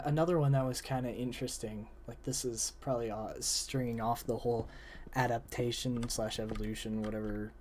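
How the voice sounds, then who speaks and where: A young man's mid-range, slightly mellow voice cracks and fades as he chats casually with a friend about story ideas while gaming, rambling with lots of fillers. There's slight background noise.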